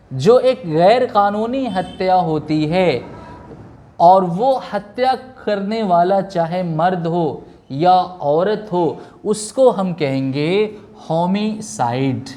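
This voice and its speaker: A man teaching an English vocabulary lesson, explaining each word slowly and repeating key terms, pausing often with "aa". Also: high-pitched, darkish tone. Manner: slow, repetitive explaining with filler "aa" pauses.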